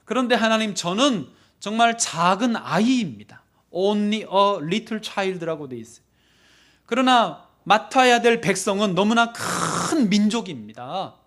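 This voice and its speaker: A male pastor preaching a sermon, acting out Bible figures in lively voices and leading the congregation in call-and-response. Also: high voice, slow.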